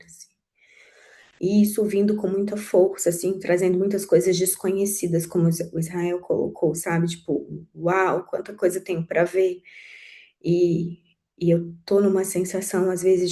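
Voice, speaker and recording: A woman in her forties sharing her personal experience in a group conversation, speaking in a halting, reflective way with many pauses and restarts. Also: fairly low pitch, fairly even intonation, dark tone. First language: Portuguese. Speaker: group participant.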